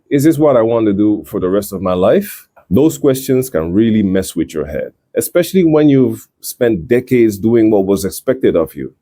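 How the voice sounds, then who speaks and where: A middle-aged man delivering a reflective scripted monologue in a measured, earnest manner, in short phrases with pauses. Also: fairly low pitch, dark tone, dry recording, studio quality. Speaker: host.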